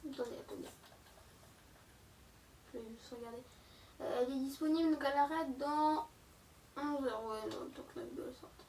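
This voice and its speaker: This young female YouTuber talks her viewers through a game in a relaxed, filler-heavy way, though a slight cold has left her throat sore. She pitches high, moves at a moderate pace, and pauses often, her tone a touch mellow. There's reverb, some distance from the mic, and a faint hiss or hum.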